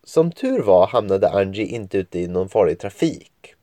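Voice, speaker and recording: A man's voice: lowish voice, big pitch swings, mellow, dry recording. A man reading a children's story aloud at home, with playful voices for the children's lines. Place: home room at a computer.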